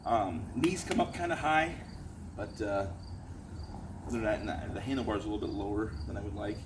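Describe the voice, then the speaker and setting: A man giving a casual, halting walkthrough of a bike in a workshop, with lots of fillers, a bit out of breath. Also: lowish voice, background noise. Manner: rambling, halting, with many fillers. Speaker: bike reviewer. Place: indoor workshop.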